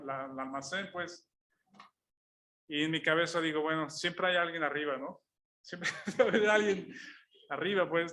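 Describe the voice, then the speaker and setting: Man, pitched a bit high with a bright, forceful tone, preaching through a lively personal anecdote, voicing each person in it. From Mexico. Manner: storytelling, acts out dialogue, chuckles while telling it. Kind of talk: sermon illustration told as an anecdote.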